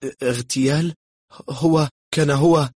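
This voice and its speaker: A man voicing a nervous, sweaty German man who stammers in fright, his voice pitched up. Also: steady tone, measured pace, a little mellow, husky, no room sound. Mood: panicked stammer. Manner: stammering, panicky.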